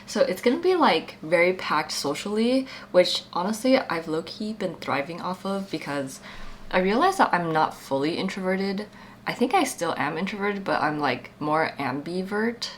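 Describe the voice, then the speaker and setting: Chatty young woman with a low-ish voice. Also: a little hiss or hum. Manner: chatty, filler-heavy, upbeat. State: husky morning voice. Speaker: vlogger and small shop owner. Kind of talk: casual vlog voice-over.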